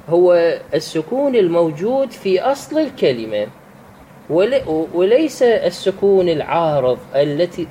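A man teaching Quran recitation rules, patient, repeating words and examples with halting restarts. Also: high voice, mellow, a little hiss or hum, poor audio. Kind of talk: explaining tajweed rules.

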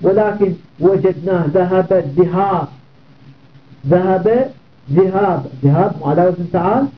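An Arabic grammar teacher gives a classroom lesson, repeating word patterns and posing rhetorical questions to his listeners. His voice is high-pitched and a little slow, heard through tinny, phone-like audio.

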